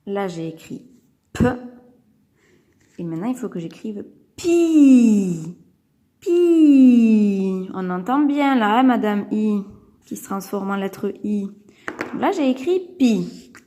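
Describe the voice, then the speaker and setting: A woman's voice: mid-range voice, expressive, slow pace, pauses often, dark tone. A woman teaching a writing lesson to young children, patient and singsong as she explains. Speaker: kindergarten teacher.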